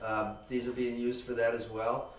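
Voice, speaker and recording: A man co-hosting a casual outdoor gear review, explaining in a relaxed way with plenty of fillers. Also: medium pitch, moderate pace. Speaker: co-host. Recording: roomy echo, far from mic.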